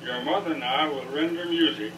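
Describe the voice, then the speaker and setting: A man's voice: on the high side, brisk. A man heard played back from an old wire recording, speaking in a formal, announcing way. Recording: hissy, clicky old wire recording, distant and echoey.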